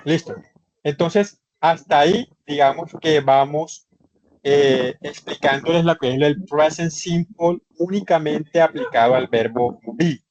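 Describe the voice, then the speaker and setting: Male teacher, online class, unhurried and patient, repeats every step; dry, somewhat dull call audio. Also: fairly high pitch, darkish tone. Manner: patient, repetitive step-by-step explaining. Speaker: English instructor. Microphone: computer microphone in a video session. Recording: slightly muffled online session audio.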